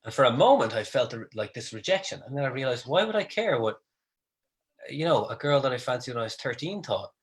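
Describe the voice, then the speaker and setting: A man's voice: medium pitch, very animated, fairly quick. A man, a comedian, telling stories in casual livestream chat and mimicking the people he quotes.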